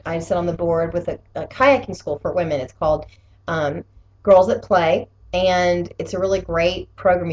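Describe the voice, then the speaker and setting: Casual rambling woman, clear background noise. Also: lowish voice, highs cut off. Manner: rambling, conversational, self-correcting. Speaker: vlogger giving weekly health challenge update. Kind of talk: casual chat, personal update.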